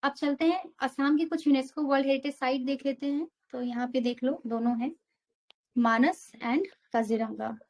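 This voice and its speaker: A woman's voice: high-pitched, steady tone, normal speed, darkish tone. A young woman teaching an exam prep geography lesson, walking through a map step by step and mixing English terms into her Hindi.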